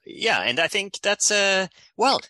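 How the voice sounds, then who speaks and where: This climate economist from Austria, a man in his forties with an Austrian accent, speaks in a high voice at a measured pace. The studio-quality recording has no echo, and his interview talk is animated and conversational, peppered with "right?" tags.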